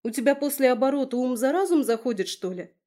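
A woman reading the part of a frightened young heroine in an audiobook, with high, tearful, exasperated outbursts. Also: animated, fast, mellow. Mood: indignant.

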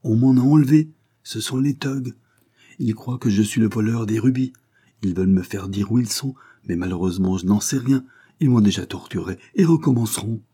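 A man's voice: fairly low pitch, moderate pace, dark tone, breathy edge, voice pushed up. A man voicing a frightened captive English engineer, pleading in a strained, anxious way.

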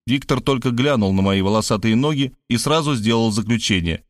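A man narrating a first-person audiobook in a plain, even storytelling manner and acting out the dialogue. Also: mid-range voice, a little fast, no room sound, studio quality.

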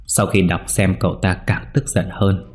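A man narrating a horror story in a steady storytelling voice. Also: low voice, normal speed, slightly rough. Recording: faint background music.

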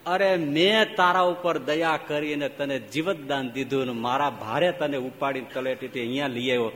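A man's voice: medium pitch, fairly even intonation, normal speed, fairly bright tone, in a large hall, slight background noise, natural voice. A man voicing an indignant traveller in a fable, reproaching the snake he rescued. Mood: reproachful. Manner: reproachful, scolding.

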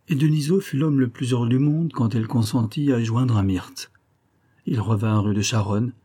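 A man reads a classic novel aloud in a measured, even narration. His voice sits low and dark, with a husky grain. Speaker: audiobook narrator. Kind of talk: literary audiobook narration.

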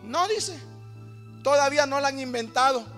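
A man preaching a sermon, often calling his listeners brothers and building to shouted, rhythmic repetition. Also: extremely high pitch, expressive, moderate pace, soft background music.

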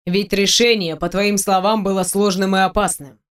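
A reader voicing a cunning, powerful male mage lord who speaks calmly and tersely in an audiobook. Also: mid-range voice, moderate pace, clean tone, lightly acted. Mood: explaining. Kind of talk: audiobook character voice.

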